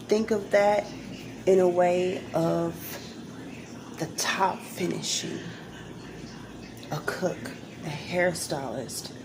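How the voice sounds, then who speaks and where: A woman talking casually and earnestly to viewers, giving motivational advice with emphatic, repeated phrasing. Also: on the low side. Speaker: home cook and hairstylist giving motivational advice. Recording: clearly noisy room ambience.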